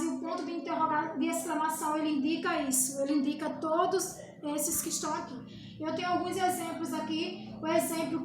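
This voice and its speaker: Woman teacher, very high voice, patient explainer, echoey noisy room recording. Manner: slow, patient explaining, with rhetorical questions and answers. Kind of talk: remote grammar lesson for children. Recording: echoey room with clear background noise.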